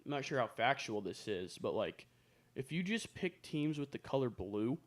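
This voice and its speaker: A man's voice: mid-range voice, big pitch swings, normal speed. A man co-hosting a sports podcast, talking casually and hedging his claims. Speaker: podcast co-host.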